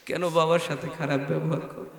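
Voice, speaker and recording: Impassioned high-voiced male preacher, echoing. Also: level tone, quick pace, gravelly, a bit bright. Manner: impassioned, half-sung pleading, calls out to the crowd. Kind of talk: sermon. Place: outdoor religious gathering at a school ground. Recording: echoey long reverb, faint music.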